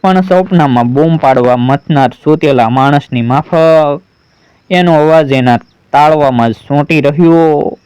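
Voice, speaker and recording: A man narrating a folk story in a slow, deliberate, dramatic manner. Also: on the high side, darkish tone, clean tone, no room sound, low-quality recording.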